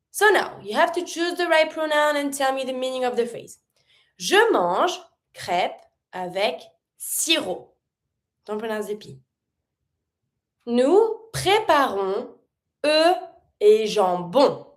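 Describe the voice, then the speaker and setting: A woman teaching a French lesson in English, sounding out French words slowly and carefully as she explains. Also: high-pitched. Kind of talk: online language lesson.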